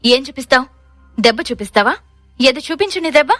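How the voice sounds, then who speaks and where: A woman's voice: high-pitched, expressive, brisk, a bit bright, no room sound, soft background music. A woman voicing a fierce, proud young husband who snaps challenges in an audio drama. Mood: challenging. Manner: challenging, snapping.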